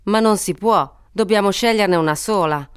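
A woman's voice: medium pitch, moderate pace, clean tone, no echo, clean studio sound, close to an everyday voice. A woman playing a kindly, childless peasant wife who soothes and coaxes a crying girl in an audiobook. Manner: soothing, coaxing.

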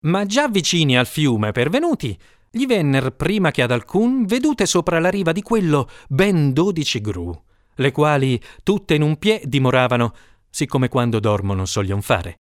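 A man reading an old tale aloud in an expressive, theatrical storytelling manner. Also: on the high side, normal speed, no room sound, clean studio sound.

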